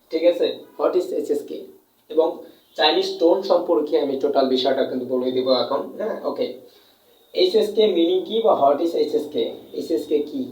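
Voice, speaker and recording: Captured from afar in a room full of echo, this Chinese language teacher from Bangladesh conducts his class in Bengali. His slightly mellow voice leans high as he goes over points again, poses and answers his own questions, and draws out sounds to demonstrate tones.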